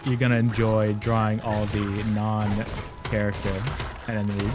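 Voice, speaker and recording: A man's voice: fairly low pitch, monotone, normal speed, music in the background. A man streaming a game, chatting casually to himself, laughing often and repeating words when frustrated. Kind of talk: casual live gameplay commentary.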